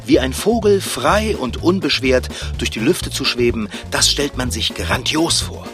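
A man's voice: medium pitch, animated, unhurried, lightly acted. A man narrating a scripted children's programme in a chatty, explanatory way. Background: music.

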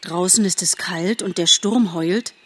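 A woman voicing an excited, screeching jay bird in a spoken storybook. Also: measured pace, slightly rough. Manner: shrill, excited telling.

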